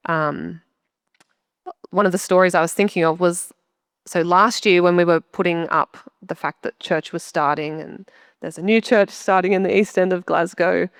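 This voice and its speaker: A woman's voice: fairly low pitch, clear, resonant tone, dry recording, studio quality. A young woman sharing a heartfelt testimony in a church interview, chatty and earnest. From Australia. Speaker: church member interviewed on stage.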